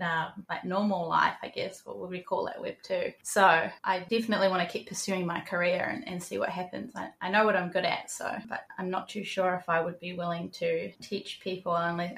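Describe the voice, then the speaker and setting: A woman's voice: on the low side, level tone, fairly quick, vocal fry, fairly bright tone, a little hiss or hum. A woman, a guest talking casually and candidly in an interview, with lots of "like" and "kinda" fillers. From New Zealand. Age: 20s. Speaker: guest, community moderator.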